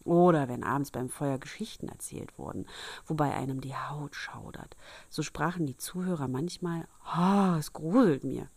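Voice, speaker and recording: Woman narrating a fairy tale, calm and measured, deep voice, gravelly, dry close sound. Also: dry recording. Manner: calm, measured, dropping to a whisper. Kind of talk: storybook reading.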